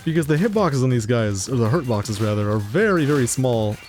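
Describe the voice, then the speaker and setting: A man's voice: mid-range voice, lively intonation, fairly quick, darkish tone, soft background music. Chatty man streaming gameplay. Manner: rambling, chatty, swears casually, laughs often. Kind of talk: casual live-stream gameplay commentary.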